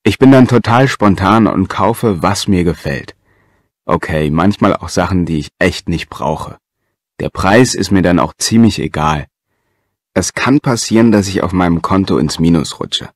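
A man acts out a carefree, spontaneous shopper. His voice is deep and chatty, delivering a scripted monologue in a dry recording. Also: a little slow, no echo. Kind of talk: scripted first-person monologue.

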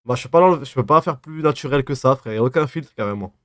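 A man's voice: medium pitch, lively intonation, rapid-fire, fairly bright tone, no room sound. Young man with a lisp, dry close sound. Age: 20s. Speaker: live streamer. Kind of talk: casual livestream chat, reading and answering viewer comments. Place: small dim room at a desk.

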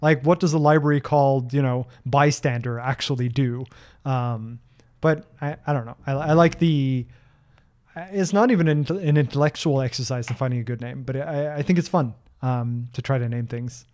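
A native Norwegian speaker in his thirties answers viewer questions in English, his second language, during a laid-back livestream from his home office. His voice is medium-pitched and darkish at a normal speed, and he reads the questions aloud, chatting with plenty of ums and restarts into a desk broadcast mic near his face.

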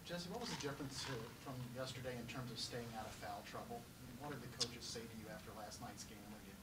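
Reporter asking from far off in an echoey room. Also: male voice, medium pitch, quick pace, heavy background noise. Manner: direct, conversational questions. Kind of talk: press conference questions.

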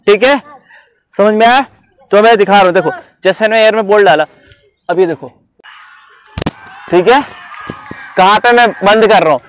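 High-voiced cricket coach instructing students. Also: male voice, rough recording. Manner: instructive, repeatedly checks understanding. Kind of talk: outdoor coaching demonstration.

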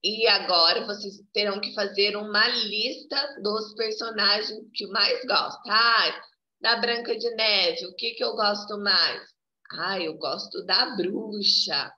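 Bright-voiced woman teaching small children. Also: medium pitch. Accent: Brazilian Portuguese. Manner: slow, singsong, coaxing, keeps saying "ó". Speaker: preschool teacher. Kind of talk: remote class for small children. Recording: echoey, dull lo-fi home video.

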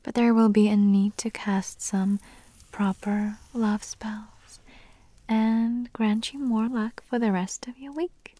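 A teasing young witch matchmaker whispers close and very slowly, played by a woman. Her mellow, breathy voice drifts through soft giggles in an intimate ASMR roleplay. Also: on the high side, fairly even intonation, no echo.

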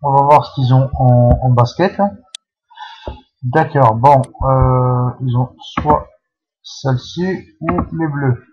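A man talks viewers through a game in a casual, unscripted way, stopping and restarting often. His delivery is slow and unhurried. The recording sounds dull and lo-fi. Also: medium pitch, steady tone, slight background noise. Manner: hesitant, full of fillers and restarts. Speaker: channel host explaining a game.

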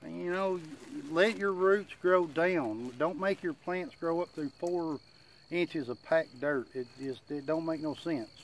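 Speaking at a measured pace from a wooded yard, a channel host with a rather high voice drawls through a lip of chewing tobacco that muffles him slightly. He offers casual, folksy advice to a camera a few feet away, plain-spoken and self-deprecating in a country way, with faint nature sounds in the background.

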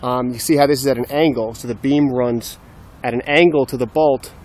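A man's voice: mid-range voice, fairly even intonation, fairly quick, darkish tone. Man narrating his outdoor build. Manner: explains step by step, self-deprecating. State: slightly out of breath. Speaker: DIY builder. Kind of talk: casual how-to narration.

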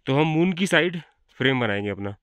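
This young man is a travel vlogger chatting directly with viewers as he narrates casually from a mountain outdoors. He speaks fairly quickly with an expressive, medium-pitched voice that is a bit bright, and there's no echo.

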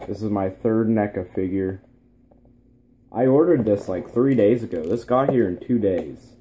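A teenage man chatting casually through an unboxing vlog in his bedroom, relaxed and rambling with plenty of ums. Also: fairly low pitch, measured pace, slight background noise. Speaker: vlogger. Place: small bedroom, indoors.

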